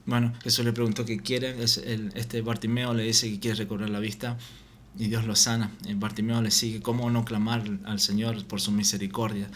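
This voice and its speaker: A man giving an informal Bible teaching, reading scripture aloud and often halting and repeating words. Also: on the low side, little pitch movement, slight background noise. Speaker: preacher.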